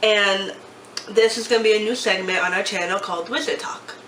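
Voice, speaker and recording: A woman's voice: medium pitch, steady tone, brisk, a bit bright, roomy sound, slight background noise, rough recording. A congested woman co-hosting a casual fan chat, talking in a giggly, chatty way. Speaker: co-host. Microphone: camera on tripod on a table.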